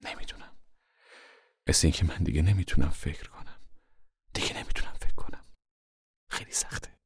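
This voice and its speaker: A man voicing a weary, soft-spoken old mother. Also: rumbling low, fairly even intonation, husky, no echo, studio quality, heavily acted. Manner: soft and subdued, drops to a near whisper. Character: weary older mother, worried and tender. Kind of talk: audiobook character voice.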